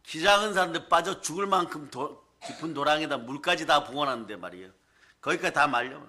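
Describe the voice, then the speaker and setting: A man's voice: on the high side, animated, fairly quick, pushed and bright. A male pastor preaching a sermon in an emphatic, colloquial way, often asking the congregation for responses.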